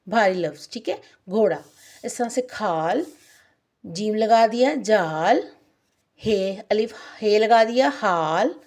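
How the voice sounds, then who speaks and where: A woman with a Pakistani Urdu accent and a slightly high voice explains a worksheet step by step. She spells out letters one at a time and keeps checking in with short, patient asides, in the easy tone of a home lesson. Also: a little mellow. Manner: patient, spells letters aloud, frequent "theek hai" checks. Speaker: teacher.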